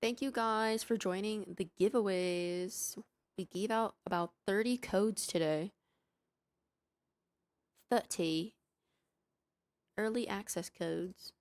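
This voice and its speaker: A woman's voice: mid-range voice, slow, long pauses, darkish tone. Chatty woman streamer talking to viewers. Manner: chatty, addresses viewers by name. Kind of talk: casual livestream chat.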